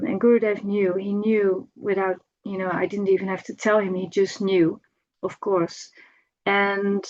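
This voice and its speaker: A middle-aged woman, a devotee, offers an informal personal homage, sharing a remembrance. Her voice is of ordinary pitch for a woman, and she speaks haltingly, searching for words and repeating phrases, over dull, lo-fi audio.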